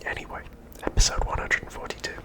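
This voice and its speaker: Whispering breathily and without voice, a man recaps an episode like an ASMR host, his delivery slow and deliberate and his tone hushed.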